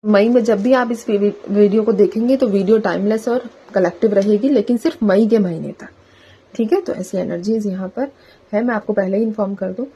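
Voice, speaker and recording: Woman, tarot reader, casual collective reading, chatty, mellow warm tone, mid pitch. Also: fairly quick, breathy edge, poor audio. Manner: chatty, repeats "theek hai" as a filler.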